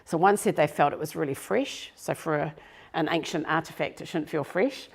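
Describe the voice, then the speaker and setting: A woman's voice: deep voice, normal speed, creaky, husky. A middle-aged woman, a business coach giving a live workshop talk to a group in a room, chatty and self-deprecating.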